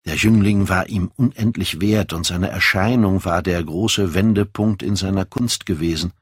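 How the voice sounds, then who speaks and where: Male audiobook narrator, husky, low voice, measured, dry close sound. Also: dry recording.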